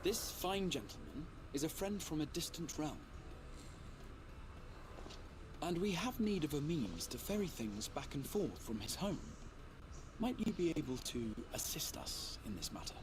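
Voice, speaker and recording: A gentle, scholarly guide from a fantasy game. His delivery is formal and measured, with expressive rises and falls, over clear ambient noise. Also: on the high side. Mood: gallant. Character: courteous, learned, gentle male guide of a fantasy realm. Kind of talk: scripted fantasy video game acting.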